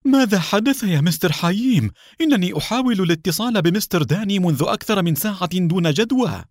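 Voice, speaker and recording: A man's voice: medium pitch, big pitch swings, fairly quick, a little mellow, no room sound, studio quality. A man voicing a flustered, eager traitor in a storybook reading. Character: excited man, shrill nervous traitor.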